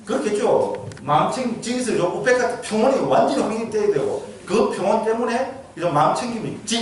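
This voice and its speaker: This is a monk's dharma lecture in a temple hall, recorded from far away with echo and a little hiss or hum. His high-sitting voice carries a Gyeongsang accent, and he keeps turning questions to the audience, checking understanding with frequent "geujyo?"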